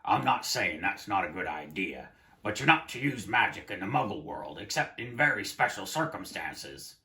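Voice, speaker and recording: A man voicing a gruff, protective giant man in a read-aloud of a children's storybook, emphatic and plain-spoken. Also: low-pitched, sing-song, moderate pace, pushed and bright, full character voice. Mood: firm, cautioning.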